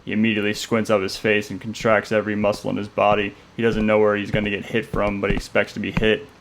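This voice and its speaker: A man reads a dark story aloud with a low voice that barely rises or falls. His delivery is steady and measured, calm even through tense scenes. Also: slight background noise. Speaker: narrator. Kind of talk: scripted story narration.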